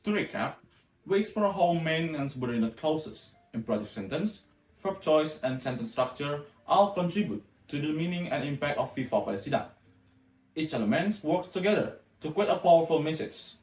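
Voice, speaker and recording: A man's voice: a little high, expressive, normal speed, darkish tone. Young male student from Indonesia wrapping up a class video, echoey room, faint music. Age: young adult. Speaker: student presenter. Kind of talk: reading a lesson recap.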